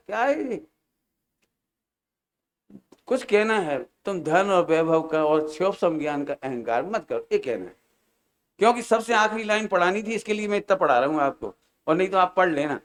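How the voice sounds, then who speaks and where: High-voiced man preaching a sermon. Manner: lively, acts out quoted voices, chants verse slowly. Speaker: Jain preacher. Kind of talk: sermon with storytelling. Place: large hall, camp gathering.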